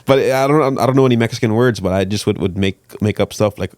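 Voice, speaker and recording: A male comedian hosting a podcast, who talks in a halting, casual way and laughs between thoughts. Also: on the low side, darkish tone, no room sound.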